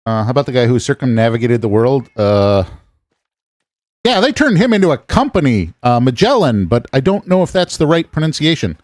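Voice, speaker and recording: An American man from the United States chats casually with his chat while streaming a game, rambling and thinking aloud as he plays. His medium-pitched voice is very animated, a little fast, and slightly mellow, captured in clean studio sound with no echo.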